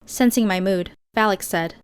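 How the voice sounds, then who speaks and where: The narrator, a woman with a medium-pitched, clean-toned voice, reads first-person fiction aloud for an audiobook with measured, expressive storytelling.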